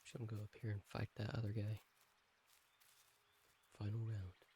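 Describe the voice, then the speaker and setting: A man giving casual, quiet gameplay commentary, thinking aloud as he plays. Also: fairly low pitch, monotone, moderate pace, a little hiss or hum. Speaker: gameplay host.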